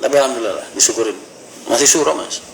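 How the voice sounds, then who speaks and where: A man's voice: medium pitch, rapid-fire, creaky, a little hiss or hum, low-quality recording. A young man chatting casually and teasing his companions. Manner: joking, banters in a Jakarta-slang and Javanese mix. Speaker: vlogger. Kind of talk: casual chat.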